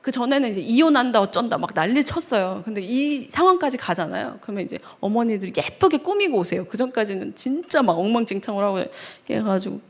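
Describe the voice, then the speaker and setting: Woman pastor lecturing in a church hall, lively and questioning, voice sits a bit high. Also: fairly quick, few pauses. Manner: animated, acts out quoted dialogue in changing voices; asks the audience questions. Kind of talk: seminar lecture to a congregation.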